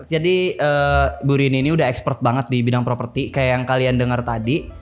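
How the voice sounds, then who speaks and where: A man's voice: medium pitch, flat delivery, fairly quick, soft background music. A man, hosting a casual podcast chat, slangy and full of fillers. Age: 20s. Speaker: podcast host.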